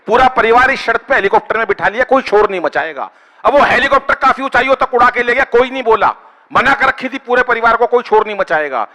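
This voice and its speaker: A man's voice: very high voice, expressive, fast talker, pushed and bright, in a large hall. A man doing comic poetry at a stage poetry gathering, teasing the audience and asking them for applause. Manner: bantering with the audience, asks for applause. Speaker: stand-up poet. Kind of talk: kavi sammelan comic poetry.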